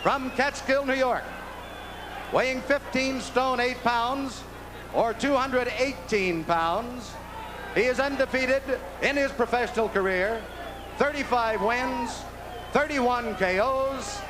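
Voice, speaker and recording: A man working as a boxing ring announcer, formally introducing fighters and officials with deliberate, projected delivery. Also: very high voice, background noise. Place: indoor boxing arena.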